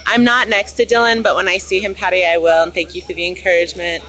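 A woman's voice: lowish voice, level tone, fast talker, fairly bright tone, low-quality recording. An American woman doing a casual live interview and commentary outdoors as a citizen journalist. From United States, Los Angeles. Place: outdoors at night by a busy street memorial. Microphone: handheld phone, behind the camera.

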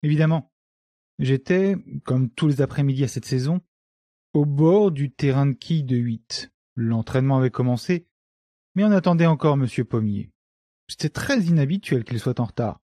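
A man's voice: medium pitch, animated, mellow, no room sound, natural voice. Old rural man, grave and reminiscing, voiced by the narrator, dry close audiobook sound. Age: older. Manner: slow, reminiscing storyteller.

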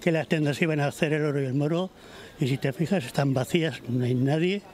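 A man's voice: a little high, fairly quick, darkish tone. An older man interviewed on a town street who speaks bluntly and critically. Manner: blunt, critical, plain-spoken. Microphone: handheld reporter mic.

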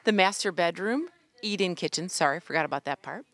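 A woman's voice: on the low side, expressive, brisk, fairly bright tone. A woman real estate agent giving an unscripted property tour in short, emphatic selling phrases.

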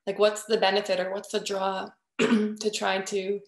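A woman's voice: mid-range voice, monotone, a little slow. A woman hosting an interview, asking curious, probing questions. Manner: curious, questioning, frequent affirmations. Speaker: interviewer, host. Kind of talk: conversational interview. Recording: roomy echo.

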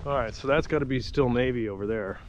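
A middle-aged man who vlogs about hiking talks fast at a medium pitch, giving an easygoing, casual walking-tour commentary as he wanders around an old fort and thinks aloud. He holds a 360 camera at arm's length, so the windy outdoor recording sounds dull and muffled.

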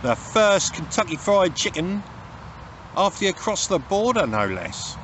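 A man's voice: high voice, big pitch swings, unhurried, a bit bright. Older man chatting through a noisy van vlog. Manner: chatty, dry self-mocking humour. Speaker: vanlife vlogger. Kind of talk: casual travel vlog narration. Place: campervan and roadside spots outdoors. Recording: noisy outdoor vehicle recording.

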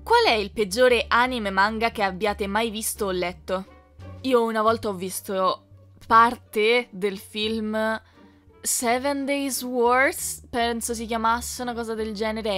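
With music behind her, this young YouTube fandubber chats through fans' questions, reading each out and responding. Her voice is medium-pitched and fairly bright.

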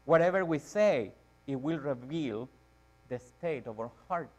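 A Chilean man whose first language is Spanish preaches a church sermon from a lectern on stage in the sanctuary. His voice sits higher and a little mellow, animated yet measured in pace. He leans on emphatic repetition, with dramatic swings up and down in volume.

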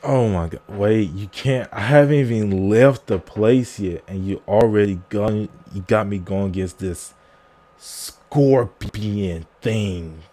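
A man's voice: lowish voice, slow pace, slight background noise. A man giving casual gameplay commentary in short muttered reactions. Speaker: gaming video host. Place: small room at home, indoors. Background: loud game music and battle sounds.

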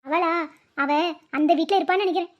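A fretful middle-aged village mother in a cartoon, scolding in a very high voice. The sound is slightly dull and lo-fi. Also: brisk. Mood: fretting. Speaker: mother and wife.

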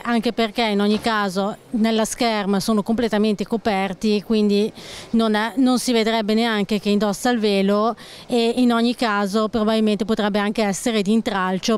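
A woman's voice: medium pitch, clear, resonant tone. Young woman answering on the street. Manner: earnest, long run-on explanations. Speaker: street interviewee. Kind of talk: vox pop answer. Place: outdoors on a town street by a shop window. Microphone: handheld interviewer mic.

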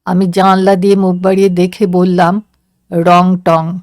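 A woman narrating a story in a slow, measured, soft voice. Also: on the low side, steady tone, no room sound, studio quality. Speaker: story reader.

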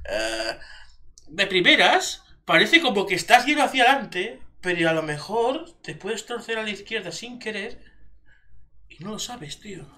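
Young man, Spain Spanish accent, let's play commentary, very high bright voice, lively, faint noise behind. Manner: excitable, swears and shouts when startled. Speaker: gaming youtuber.

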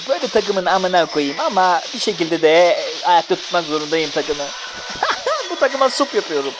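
A gamer giving a running commentary on their own mobile match, swearing freely, cheering and scolding teammates in bursts of excitement. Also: mid-range voice, noisy background. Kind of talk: gameplay commentary.

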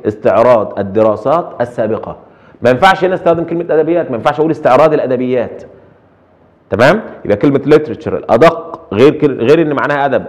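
A middle-aged man with an Egyptian accent giving a translation lecture, asking rhetorical questions and dropping English terms into his Arabic. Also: medium pitch. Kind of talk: recorded lecture.

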